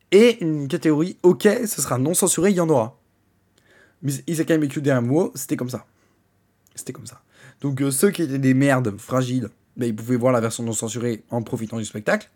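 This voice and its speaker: A man hosts a podcast in a mid-range, slightly mellow voice. He rants crudely and sarcastically, swearing and often stumbling into restarts.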